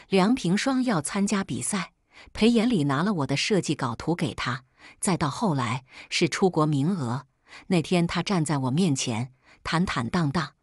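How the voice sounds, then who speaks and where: A woman narrating a scripted first-person story in a measured, plaintive way. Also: fairly low pitch, breathy edge, no echo, clean studio sound.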